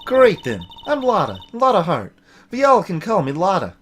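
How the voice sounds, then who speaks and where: In a video game voice-over, a performer plays a brash, friendly young country woman with a folksy drawl and a Southern American accent. The mid-range voice swings hugely in pitch at a normal speed, sounding folksy and breezy over faint background music.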